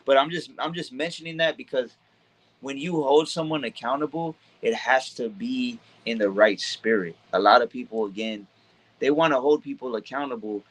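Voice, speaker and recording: A man hosts a laid-back scripture discussion in a mid-range voice. He explains each point patiently, reads the verses slowly, and keeps checking that his listener is following. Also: medium pitch, poor audio. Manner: teaching, often checks in with "right?". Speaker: podcast host leading a scripture study. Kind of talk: casual religious discussion.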